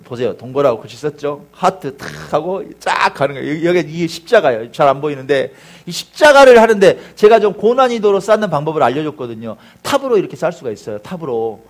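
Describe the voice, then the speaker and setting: A pastor with a slightly high voice talks fast with few pauses as he preaches a sermon. He tells an animated story, acting out voices, crowd cheers and crashes, and calls out to the congregation for replies.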